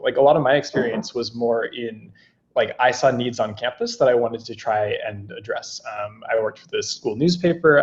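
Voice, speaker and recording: Eager man on dull lo-fi audio. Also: mid-range voice. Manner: eager, builds on others' points, lists examples. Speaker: product manager panelist. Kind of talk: online panel discussion.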